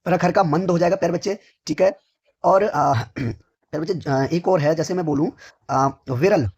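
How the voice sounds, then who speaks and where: A hoarse man teaching a vocabulary lesson for exam preparation, who asks each question, answers it himself, and keeps addressing his students fondly. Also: on the high side, moderate pace, darkish tone, dull audio. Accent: North Indian Hindi. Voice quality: husky.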